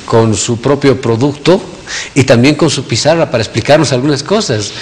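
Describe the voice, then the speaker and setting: A man's voice: medium pitch, normal speed. A man hosting a TV interview, asking short, courteous questions. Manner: brief, courteous prompting questions. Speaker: TV show host. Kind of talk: TV studio interview. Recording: long hall reverb.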